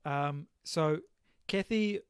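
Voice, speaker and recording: Man, game master, slow and hesitant, dry home mic sound. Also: fairly high pitch, clear, resonant tone, no echo. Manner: hesitant, halting with many fillers. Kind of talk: running a tabletop game over a call. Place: home bedroom. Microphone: home remote-call mic.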